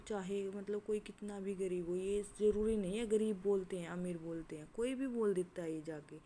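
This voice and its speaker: A woman's voice: mid-range voice, a little mellow, slight background noise. A woman telling a story in a casual, chatty, indignant way, full of fillers.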